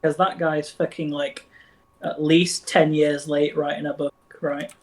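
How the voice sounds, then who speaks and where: Guy drawling slowly, crude and teasing, kinda high voice, voice chat. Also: level tone. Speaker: tabletop game player. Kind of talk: casual chat. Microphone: online voice chat.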